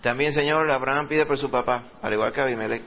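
A male pastor with a Puerto Rican accent who leads a sermon, reads scripture slowly with rising emphasis, and prays fervently, repeating "Señor" and "Padre". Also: mid-range voice, gravelly, fairly bright tone, dull audio. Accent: Puerto Rican Spanish. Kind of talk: sermon with scripture reading and prayer.

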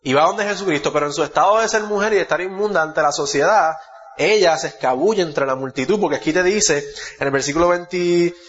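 Puerto Rican preacher in an echoey hall. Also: male voice, a little high, a little fast, fairly bright tone, highs cut off. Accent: Puerto Rican Spanish. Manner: expository, reads Bible verses aloud, corrects himself. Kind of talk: sermon.

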